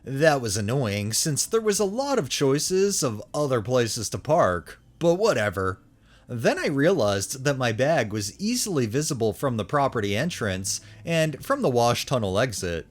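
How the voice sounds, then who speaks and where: A man hosting a story channel, reading online posts aloud with brief commentary of his own. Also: mid-range voice. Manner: animated, swinging intonation. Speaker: narrator and host of a story channel.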